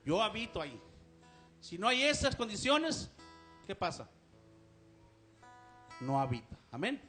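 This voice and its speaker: A man's voice: high-pitched, sing-song, a little slow, pushed and bright, faint music behind. A man with a Mexican Spanish accent preaching a sermon to his congregation, asking them questions and saying amen often. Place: church service, live stream.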